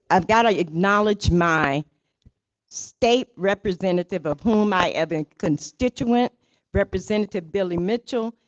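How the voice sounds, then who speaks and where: An older woman accepts an award and speaks off the cuff, emotional and building to rousing emphasis. Her voice sits mid-range, and the recording is dull and a little muffled. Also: medium pitch. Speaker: award honoree giving acceptance speech. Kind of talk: heartfelt acceptance speech.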